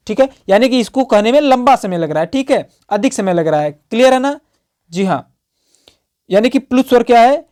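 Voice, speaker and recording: A man's voice: high voice, dark tone. A male teacher going through exam prep questions in a lesson. He keeps asking and answering his own questions, repeating key terms as he writes on the slide. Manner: repetitive quizzing, asks and answers own questions.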